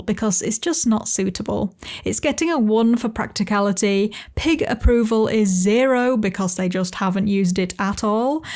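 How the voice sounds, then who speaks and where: A woman's voice: medium pitch, darkish tone. A woman reviewing guinea pig products in a chatty vlog, laughing often and cooing at her pets.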